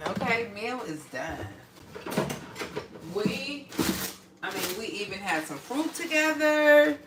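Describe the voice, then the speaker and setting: A woman's voice: high voice, background noise. A woman hosting a casual cooking livestream from her home kitchen, chatting as she works, repeating herself and using lots of fillers. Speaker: home cook livestream host.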